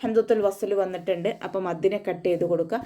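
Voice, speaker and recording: A woman's voice: mid-range voice, steady tone, fast talker, mellow. Patient woman teaching recitation. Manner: patient, repeats each rule, chanted demonstration phrases. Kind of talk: tajweed lesson, explaining then demonstrating recitation.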